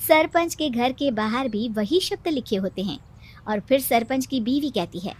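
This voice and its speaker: A woman's voice: fairly high pitch, expressive, normal speed, breathy edge. A woman narrating a cartoon story in a plain storytelling manner. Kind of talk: scripted narration.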